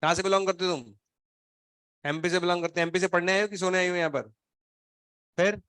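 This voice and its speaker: A man's voice: sits high, fairly even intonation, fast, fairly bright tone, smooth, no echo. A male coaching teacher scolding his students in class, stern and sarcastic, grilling them one by one while running a fever. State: feverish, throat unwell.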